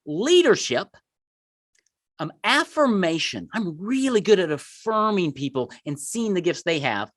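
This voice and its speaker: A man's voice: high voice, big pitch swings, a little slow, a bit bright, no room sound, studio quality. A middle-aged man speaking as an interview guest, telling stories in an emphatic, self-deprecating way and repeating words for emphasis. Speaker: podcast guest, marketing entrepreneur. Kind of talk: conversational interview storytelling.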